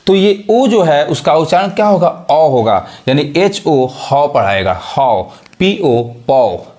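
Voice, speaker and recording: Man, higher voice, English pronunciation lesson, spells words letter by letter, keeps checking the class. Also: animated, a little slow, a little mellow. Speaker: English teacher.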